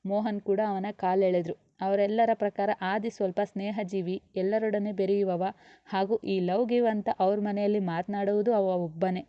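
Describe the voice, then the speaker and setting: A woman reading a serialized romance story aloud in a steady, expressive narration. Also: mid-range voice, moderate pace, no room sound, dull audio.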